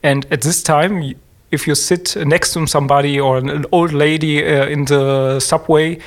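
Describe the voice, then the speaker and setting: A man from Germany with a German accent talks as a guest in a casual podcast interview. He speaks hesitantly and searches for his words, with frequent fillers and pauses. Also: a little high, fairly even intonation.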